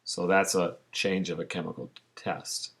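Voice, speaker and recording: A man's voice: sits low, fairly even intonation, unhurried, vocal fry, a bit bright, breathy edge. A male science teacher giving a recorded online lesson over slides, explaining patiently with frequent fillers.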